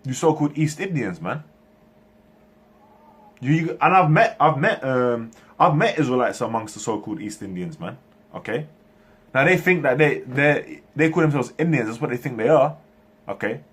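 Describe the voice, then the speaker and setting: Preaching at length to camera, a religious speaker from Turkey who was raised in England talks in an animated, halting way, restarting sentences often and ending nearly every phrase with "man" or "okay". His middle-pitched voice is fairly bright yet a little rough and breathy.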